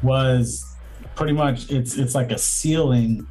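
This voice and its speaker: Man, interview guest, reflective, halting with fillers, mid-pitched, faint music behind. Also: a little mellow, poor audio. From Southern California. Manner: reflective, rambling with many fillers. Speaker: guest, lawyer and entrepreneur. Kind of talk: casual interview conversation.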